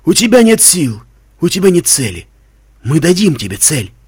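Man doing whispering magic glyphs, coaxing, insistent, husky, storybook. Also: a little high, sing-song, normal speed, no echo, studio quality, voice pushed up, heavily acted. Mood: tempting.

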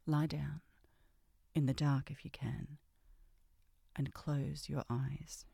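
A woman doing a sultry, seductive ASMR role-play, breathy and often dropping into a soft voice, with a teasing, commanding way of talking. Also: sits low, little pitch movement, takes it slowly, no room sound, clean studio sound.

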